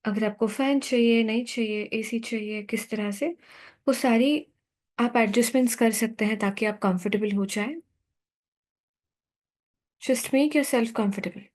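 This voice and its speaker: Her voice is a little high, and her Indian accent colors a gentle sleep meditation. The woman keeps a calm, soothing, unhurried manner and lets long pauses fall between her instructions.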